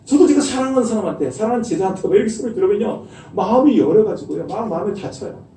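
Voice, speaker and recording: Male pastor, middle-aged, lively sermon delivery that swings high, recorded from afar in a roomy church hall. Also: rapid-fire, distant mic, slight background noise. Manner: animated, acts out quoted voices. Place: church sanctuary.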